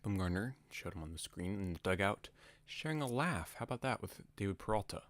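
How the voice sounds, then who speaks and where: Man, deep voice, home play-by-play, laid-back asides. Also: brisk, no room sound. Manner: relaxed, chatty asides between calls. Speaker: play-by-play announcer. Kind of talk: casual solo baseball commentary.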